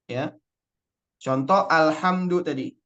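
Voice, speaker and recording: A young male Arabic teacher explains spelling rules patiently, step by step, and repeats the key words so students keep up. His voice sits a little higher than most men's, and now and then he slows to recite a verse in a measured chant. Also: a bit bright, dull audio. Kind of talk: online Arabic spelling lesson.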